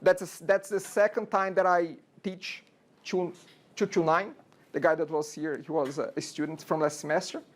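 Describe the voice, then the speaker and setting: With a slightly high voice, a steady tone and normal speed, a Brazilian man in his forties teaches a programming class at a university. His lecture is casual and Brazilian-accented, punctuated by "okay?" and rhetorical questions.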